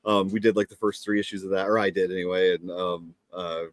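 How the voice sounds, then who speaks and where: A male co-host of a comics chat show, enthusiastic and a little rambling, often searching for the right word. His voice sits fairly low and is recorded dry and close. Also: level tone, fairly quick, no room sound. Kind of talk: casual interview chat.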